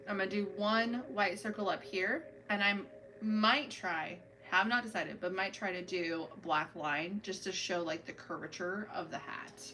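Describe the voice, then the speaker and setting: This livestream host does nail art at home, chatting casually with her live viewers and narrating each step of painting her nails. She speaks at normal speed in a bright, forceful, mid-range voice. Being far from the mic, she comes through a rough recording with slight background noise.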